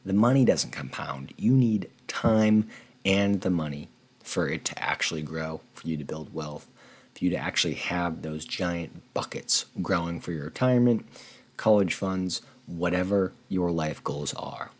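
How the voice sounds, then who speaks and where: At a measured pace, a male personal finance host talks viewers through a spreadsheet in a casual, earnest way. His low, husky voice stays conversational, and he repeats words whenever he rephrases.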